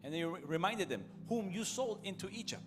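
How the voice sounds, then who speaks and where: A man's voice: high voice, lively intonation, normal speed, over music. A man interpreting a sermon phrase by phrase, following right after the preacher and restarting now and then.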